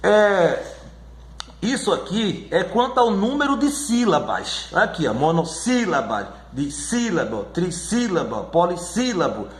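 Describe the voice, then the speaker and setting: A man teaching a grammar lesson, repeating words slowly and checking in often with his listeners. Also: sits high, very animated. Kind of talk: classroom lesson on syllables. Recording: echoey room.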